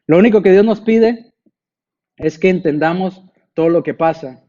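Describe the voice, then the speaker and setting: A man preaching a sermon, telling a story and acting out the villagers' voices with big jumps in pitch. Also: normal speed, warm tone, dull audio. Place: church.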